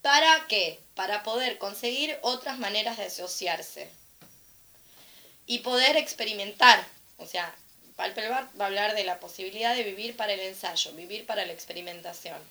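A young adult woman from Argentina with a Rioplatense accent, talking casually on a panel, animated and irreverent, acting out the voices she quotes. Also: medium pitch, normal speed, creaky. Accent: Rioplatense Spanish. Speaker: panel speaker. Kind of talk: casual storytelling commentary at a panel.

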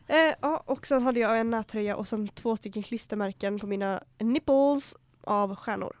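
A woman's voice: on the high side, darkish tone, dry recording. A young woman co-hosting a podcast, chatting casually and laughing as she retells what happened. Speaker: podcast host. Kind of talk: casual chat.

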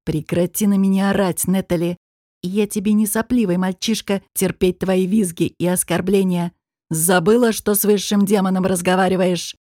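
A haughty male demon speaks in a calm, mocking drawl, as a woman narrator puts him on. The voice stays level in a dry, close audiobook recording. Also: medium pitch, normal speed, dry recording, close to an everyday voice. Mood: scornful. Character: arrogant male higher demon, scornful, cool.

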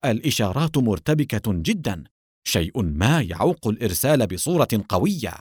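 A man voicing a fat male henchman who curses and yells in panic. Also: lowish voice, big pitch swings, fairly quick, husky, no room sound, studio quality. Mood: panicked. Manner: frantic, cursing, yelling in fear.

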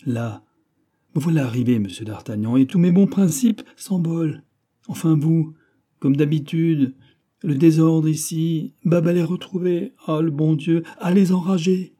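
A man's voice: medium pitch, moderate pace, warm tone, natural voice. A man voicing a pious, fussy old sacristan turned schoolmaster, with a fat, fluty voice and a prim, scolding manner. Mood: flustered scolding.

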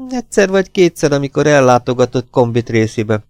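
A man's voice: mid-range voice, animated, a little mellow, dry recording, clean studio sound, pitched above the performer's own voice, lightly acted. Man voicing a defiant, distressed woman. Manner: defiant, agitated. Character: proud, defensive, distressed woman. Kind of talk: audiobook character voice.

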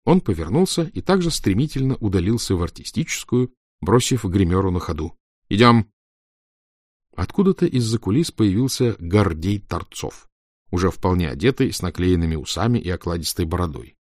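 A man narrating an audiobook in an expressive storytelling manner. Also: low-pitched, a little fast, no room sound, studio quality.

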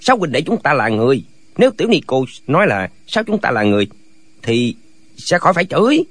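A gang of foolish male martial hermits squabbles endlessly in a radio drama, as a man acts them out. Their voice is husky and rides up and down with lively swings. They argue in circles, each line picking at the last. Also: medium pitch, fast, no echo. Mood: bickering. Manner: bickering, argumentative back-and-forth.

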